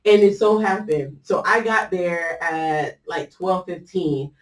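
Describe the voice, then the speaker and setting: A woman's voice: fairly low pitch, takes it slowly, far from the mic. Chatty woman in an echoey room. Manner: chatty, loose, many fillers, breaks into laughter. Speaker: vlogger sharing a personal faith story. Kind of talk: casual personal storytelling. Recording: echoey room, voice set back from the mic.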